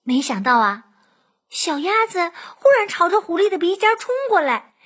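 A woman narrating a children's bedtime story in a gentle, drawn-out way. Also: very high voice, big pitch swings.

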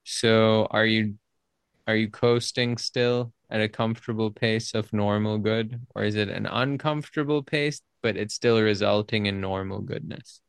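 A man's voice: lowish voice, fairly even intonation, measured pace, gravelly, smooth, dry recording. A man hosting a podcast in casual chat, playful and rambling, often restarting his sentences. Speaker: podcast host.

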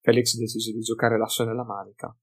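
A man reading a fantasy audiobook in measured, even narration. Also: lowish voice, slightly rough.

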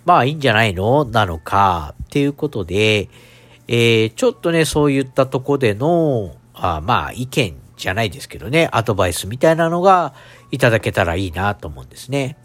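A man's voice: medium pitch, very animated, brisk, a bit bright, no echo. A man hosting a casual solo podcast in a stuffed-up, nasal voice, talking in a hesitant, rambling, apologetic way. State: congested nose. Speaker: podcast host.

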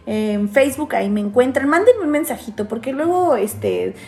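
A woman's voice: a little high, expressive, normal speed, vocal fry, mellow. A woman from central Mexico with a Mexican accent, a guest speaking modestly and hesitantly with many fillers. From Aguascalientes, Mexico. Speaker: guest, oracle card reader. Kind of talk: interview conversation.

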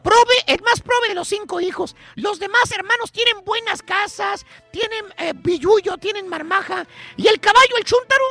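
A man with a Mexican accent hosting a radio comedy bit, telling a tale in an animated, drawling way and calling his partner caballo. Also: very high-pitched, moderate pace, hardly any pauses, faint music behind. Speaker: radio show host. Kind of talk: comic radio storytelling.

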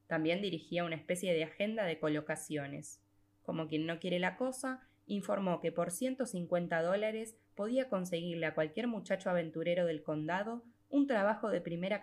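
A woman with a lowish voice narrates a literary short story as an audiobook reader. Her storytelling is measured, and she draws out her phrases.

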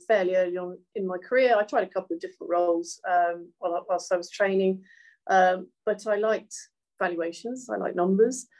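A middle-aged woman raised in Hong Kong, a hotel valuation executive appearing as a guest, speaks thoughtfully in a casual interview, with plenty of ums and uhs. Her voice is medium-pitched and the recording is rough.

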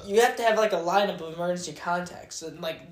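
A man's voice: sits high, fast talker. A young man with a Chicago accent in casual podcast chat, rambling with lots of fillers. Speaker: podcast co-host. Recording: roomy echo, faint noise.

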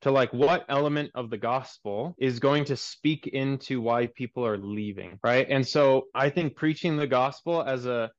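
A young man in his twenties talks earnestly about church life in a preacherly way. His voice comes through a muffled, lo-fi line with a dry, close sound and no room around it. He sits at a middling pitch for a man. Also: moderate pace, hardly any pauses, no echo. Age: 20s. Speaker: pastor and guest. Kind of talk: podcast interview.

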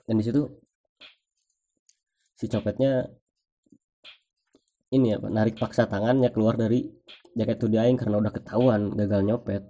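A man's voice: on the low side, normal speed, pauses often, soft background music. A young man with a Sundanese accent, telling a personal anecdote in slangy, casual speech full of swearing. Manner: slangy, swears freely, animated retelling.

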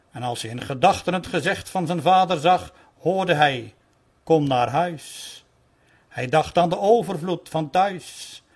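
Gravelly high-voiced man reading a sermon. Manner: earnest pleading delivery, slowing for quoted calls.

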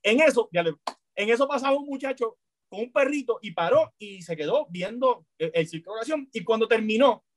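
A man telling a story in casual chat, hesitant, with many restarts, growing animated as he goes. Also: very high-pitched, a little fast, dry recording, studio quality. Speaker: storyteller in a conversation.

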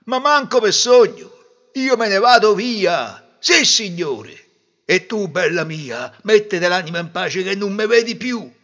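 A man voicing a fed-up young groom, scolding loudly and sarcastically. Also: high-pitched, wildly swooping pitch, a little fast, voice pushed up, exaggerated voice. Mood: exasperated. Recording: dull lo-fi recording.

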